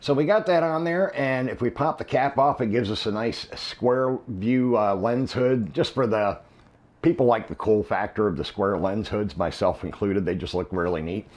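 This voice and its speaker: Low-voiced man reviewing camera gear. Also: normal speed. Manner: relaxed, explanatory, with many ums and uhs. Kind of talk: unboxing and product review.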